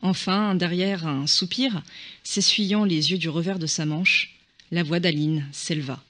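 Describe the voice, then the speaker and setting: A man narrating a short story in a soft, hushed, measured way. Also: fairly high pitch. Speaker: reader.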